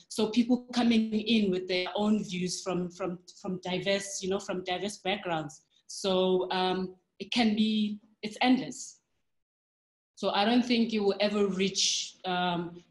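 A woman panelist speaking on a video call from a lamp-lit room at home, halting and repeating words as she talks. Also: lowish voice. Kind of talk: online panel discussion. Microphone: laptop webcam on video call. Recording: echoey room.

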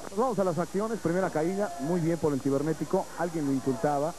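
A man's voice: a little high, brisk. A man giving wordy, showman-like live commentary as a lucha libre announcer. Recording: very noisy arena broadcast, old lo-fi tape. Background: loud arena ambience.

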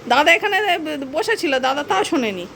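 Young woman baby-talking her dog at home, super high and bouncy, noisy phone audio. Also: big pitch swings, gravelly, sharp tone. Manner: sing-song coaxing, repeats words fast. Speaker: pet owner filming her dog. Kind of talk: casual home video, coaxing talk to a pet. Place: home indoors, by a window.

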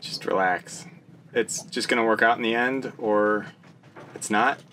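Relaxed young man, casual interview guest, recorded in a small boat cabin with faint background noise. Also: fairly low pitch, a little slow. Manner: laid-back, relaxed. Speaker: sailor guest.

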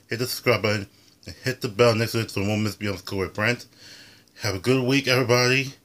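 A man's voice: lowish voice, fairly bright tone. A young adult man hosting a casual food review from his home kitchen, talking like a show announcer. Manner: announcer-like, refers to himself in third person.

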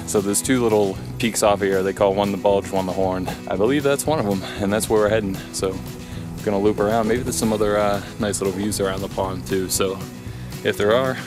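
A hiker vlogger in his thirties chats casually as he walks a forest trail, thinking aloud into an action camera held on a pole. His voice is fairly low with fairly even intonation, he talks fairly quickly, and music plays in the background.

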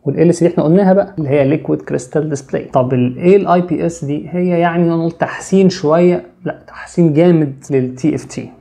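Young Egyptian male tech host, quick, gravelly, slangy and joking. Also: on the high side, mellow. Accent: Egyptian Arabic. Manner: joking, chatty, addresses listener with street slang. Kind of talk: comic tech explainer.

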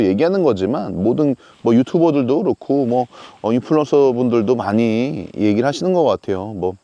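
A man's voice: mid-range voice, dark tone, no room sound. A man talking casually to camera in a camping vlog, chatty with lots of fillers and strong opinions. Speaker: camping vlogger. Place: outdoors at a campsite.

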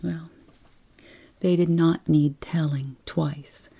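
A woman narrating a bedtime story in a soft, hushed, half-whispered reading. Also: deep voice, fairly even intonation, slow, gravelly, breathy edge.

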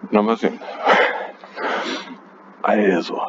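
Recorded outside on a cold day, a man with a fairly low voice and fairly even intonation walks slowly through trading charts. He is a trading analyst giving casual commentary, hesitant and prone to correcting himself as he thinks aloud. The lo-fi audio sounds dull and picks up outdoor noise.

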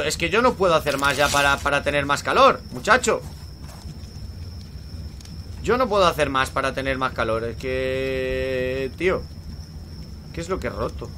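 A young man with a Spanish accent from Spain, hosting casual gameplay commentary, swearing often, grumbling at the game and breaking into loud panicked shouts. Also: mid-range voice, background noise. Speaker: gaming channel host.

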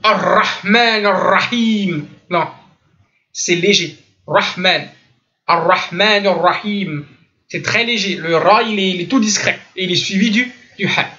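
A man's voice: high voice, moderate pace, pushed and bright. A French-speaking man giving an online religious lesson, insistently correcting pronunciation by demonstrating the sounds himself. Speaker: Islamic teacher. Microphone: computer mic in online voice chat room. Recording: lo-fi online voice chat audio.

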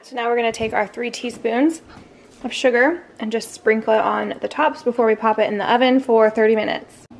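A woman's voice: a little high, fairly even intonation, a little fast, gravelly. A young woman vlogger chatting casually as she bakes and tours her home kitchen, rambling with plenty of fillers. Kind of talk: casual cook-with-me narration.

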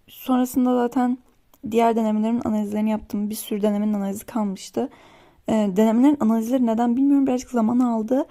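Chatty young woman vlogging her study day. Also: fairly high pitch. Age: young adult. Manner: chatty, rambling, animated about small annoyances. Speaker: vlogger, exam student. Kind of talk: casual study vlog. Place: home, then a library.

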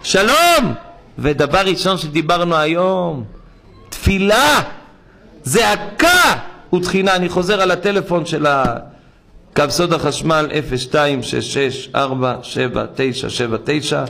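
A man preaching a sermon as a rabbi in a synagogue, swinging from low murmured asides to high, impassioned cries. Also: gravelly, fairly bright tone. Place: synagogue hall.

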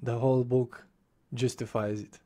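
An unhurried young book reviewer, a native Romanian speaker, records a casual book vlog at his home bedroom desk. His voice is medium in pitch with little pitch movement and a dark, warm tone. He speaks into a desk microphone in front of his face with webcam framing, passionately gesturing with both hands and restarting phrases.

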